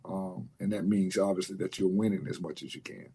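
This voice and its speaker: A man coaching college basketball, speaking in a measured way in an interview, slightly hoarse from losing his voice. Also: sits low, steady tone, mellow. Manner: measured, repeats words while thinking. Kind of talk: radio interview.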